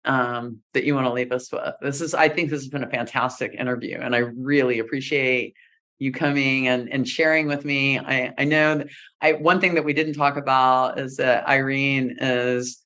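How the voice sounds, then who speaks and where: A woman's voice: rumbling low, steady tone, moderate pace. A middle-aged woman hosting an interview show, chatty and appreciative as she wraps up with a guest. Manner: warm, appreciative, chatty with laughs. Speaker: podcast host. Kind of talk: casual interview. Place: home studio with wooden wall.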